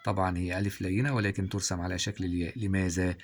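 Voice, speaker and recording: A male teacher with an Egyptian Arabic accent, walking through exam answers and prompting listeners with quick questions. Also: low voice, flat delivery, a little hiss or hum. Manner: quizzing listeners with rhetorical questions. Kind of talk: exam review lesson.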